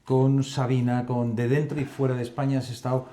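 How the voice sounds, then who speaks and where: Male interviewer, mid pitch, warm dark timbre, easygoing. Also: flat delivery, a little fast. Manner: brief affirming interjections, listening. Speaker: host. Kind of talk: casual interview.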